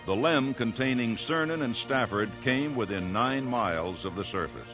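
A man giving scripted documentary narration in an even, informative way. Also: medium pitch, moderate pace. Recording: narration over clear music.

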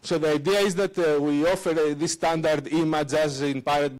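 Halting man giving a tech talk. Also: fairly high pitch, steady tone, darkish tone. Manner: halting, many fillers and restarts, non-native phrasing. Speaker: conference speaker. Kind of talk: technical conference talk with live demo. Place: lecture room at a conference. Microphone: handheld microphone.

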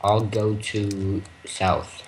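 A man's voice: lowish voice, little pitch movement, very slow, slight background noise. A man chatting and teasing a friend during a game, getting frustrated. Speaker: gamer. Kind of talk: casual gaming chat.

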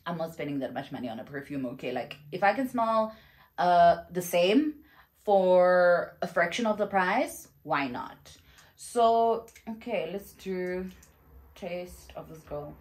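This casual perfume review vlog comes from a young South African woman at home, with shelves behind her and a camera in front. She sounds effusive and chatty, throwing in exclamations and fillers, her voice low-leaning, expressive and measured.

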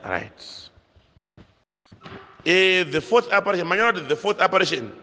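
Animated high-voiced man teaching catechism. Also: normal speed. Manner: animated, quizzes listeners with questions, repeats key phrases. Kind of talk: catechism lesson mixing Shona and English. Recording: dull sound with long hall echo.

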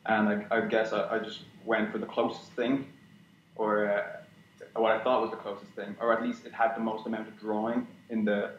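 Young guy on a webcam call, lowish flat voice, lots of ums, muffled roomy sound. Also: normal speed. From Ireland. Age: young adult. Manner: hesitant, many restarts and fillers. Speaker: guest concept artist. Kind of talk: casual interview chat. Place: small room at home, indoors. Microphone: video call webcam. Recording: dull roomy webcam audio with faint noise.

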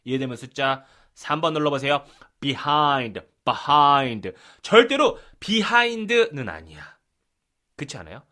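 A man teaching an English pronunciation lesson, animated and repeating drill prompts. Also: fairly high pitch, normal speed. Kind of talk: lively online English lesson.

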